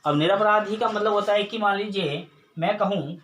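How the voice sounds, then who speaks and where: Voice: medium pitch, normal speed, fairly bright tone, a little hiss or hum. A teacher giving a recorded grammar lesson, patiently explaining step by step, asking and answering their own questions and often checking in with the class.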